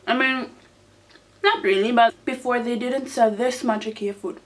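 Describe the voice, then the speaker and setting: A young woman hosting a casual mukbang, chatting excitably to viewers as she eats. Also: a little high, moderate pace. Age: teenager to young adult. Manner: excitable, exclaiming, talking to viewers while eating. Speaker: mukbang host. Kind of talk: casual mukbang eating chat to camera.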